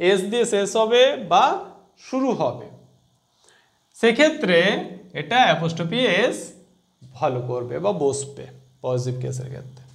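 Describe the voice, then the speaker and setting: A man teaching a grammar lesson, explaining step by step and quizzing his students. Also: sits high.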